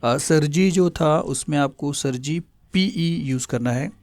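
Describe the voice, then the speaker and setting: A man's voice: a little high, slow pace, darkish tone, no room sound. Hesitant male tutor explaining. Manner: hesitant, many filler sounds. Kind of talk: explaining a memory trick lesson.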